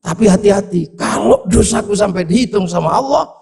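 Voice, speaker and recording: Preacher voicing a brash village man, gravelly and husky, loudly devoted. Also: high-pitched, animated, fairly quick, full character voice. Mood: defiant. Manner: brash, threatening, then pleading. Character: blunt, simple village man, fiercely devoted.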